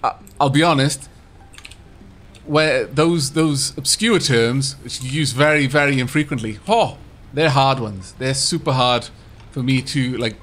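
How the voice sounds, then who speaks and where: A young Welsh gaming streamer chats casually while playing a co-op game with a friend, rambling with lots of fillers. His mid-range voice is fairly bright, and he speaks at a measured pace.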